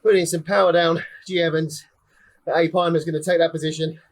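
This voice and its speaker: A young man with a slightly high, flat voice talks briskly over music, giving casual live commentary on a cycling race as he rides. He's the ride leader and race commentator, chatty and a bit out of breath, calling out the finishers one at a time.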